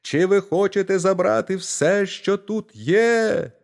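A man voicing a tiny, brave and cheeky boy who shouts in a high, thin voice in an audio fairy tale. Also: lively intonation, takes it slowly. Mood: shrill, cheeky.

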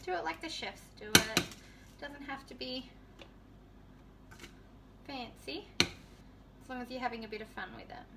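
Chatty high-voiced woman cooking at home. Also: a little slow, vocal fry, long pauses, recorded from a distance, heavy background noise. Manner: chatty, easygoing, talks to viewers while cooking. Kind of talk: casual cooking demonstration. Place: home kitchen.

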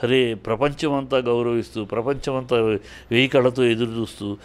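A man's voice: mid-range voice, steady tone, normal speed, clear, resonant tone. A man giving heated spoken commentary in an interview, scolding and indignant, firing off rhetorical questions and often restarting his sentences.

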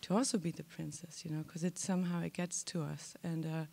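A woman's voice: low voice, little pitch movement, brisk, creaky, mellow. A woman actress speaking candidly and playfully on a theater stage into a handheld mic, often restarting her sentences. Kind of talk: festival panel talk.

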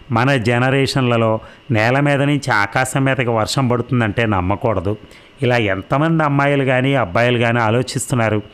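A man narrating a novel aloud in a measured, reflective way. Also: medium pitch, smooth. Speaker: audiobook narrator.

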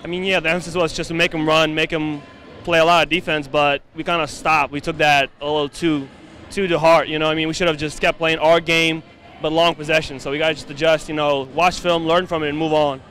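A man's voice: a little high, flat delivery, a little fast, bright, forceful tone. A young man, a college basketball player, answering postgame questions in an arena. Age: young adult. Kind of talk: postgame interview. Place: indoor arena. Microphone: handheld interviewer mic.

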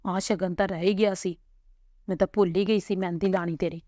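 A gentle middle-aged mother soothing her daughter, her voice lifting a little higher than the narration, as a woman storyteller plays her. It stays soft and motherly, recorded close and dry. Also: steady tone, fast, no room sound, lightly acted.

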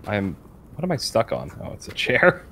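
A man's voice: fairly low pitch, wildly swooping pitch, brisk, gravelly, a bit bright, slight background noise. A man playing a horror game, swearing and grumbling casually while he plays. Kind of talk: casual gameplay chat.

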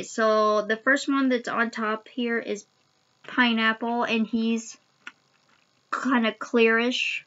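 A woman's voice: fairly high pitch, pushed and bright, dull audio, slight background noise. A young adult woman chatting casually to camera as a vlogger while eating sour candy, recorded on a webcam in a home room. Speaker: vlogger doing a candy taste challenge. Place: small home room, indoors. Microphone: webcam at arm's length.

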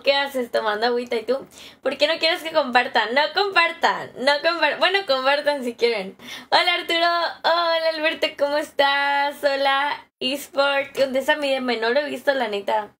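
A woman's voice: high voice, moderate pace, a bit bright. A young woman with a Mexican accent chatting casually on a live stream from home, greeting viewers by name and laughing easily into a phone camera held close.

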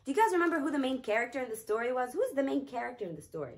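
A woman hosts a children's storytime and reads the book aloud. She quizzes the kids in a warm, teacherly way. Her voice is fairly high and very animated. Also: rapid-fire. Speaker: storytime host.

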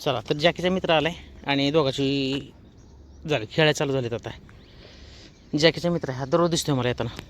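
A man's voice: medium pitch, fairly quick, pauses often. A man chatting casually to the camera as he walks his dog outdoors, calling out to the dogs around him. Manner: chatty, calls out to dogs to shoo them. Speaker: vlogger. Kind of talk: casual vlog commentary on a walk. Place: outdoors on a road. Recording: faint outdoor noise.

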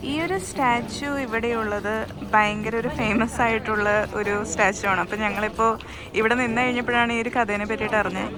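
A woman's voice: on the high side, steady tone, brisk. A woman with a Malayali accent giving casual, explanatory travel vlog narration, mixing English words into her Malayalam. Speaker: travel vlogger. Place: outdoors in a city at night. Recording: loud music, vehicle noise behind.

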